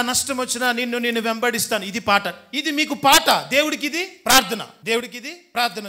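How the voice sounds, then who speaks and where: High, bright-voiced male preacher questioning his flock. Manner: preaches with rapid rhetorical questions to the congregation; rising to emphatic exhortation. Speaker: pastor. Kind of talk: sermon. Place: church.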